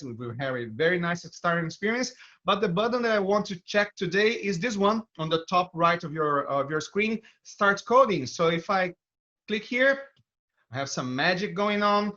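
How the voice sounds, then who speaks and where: Speaking at a moderate pace in a high, animated voice that feels pushed and bright, this developer advocate presents a tech talk. He has a Brazilian accent and guides viewers eagerly through live coding. His stream audio is muffled and narrow in range.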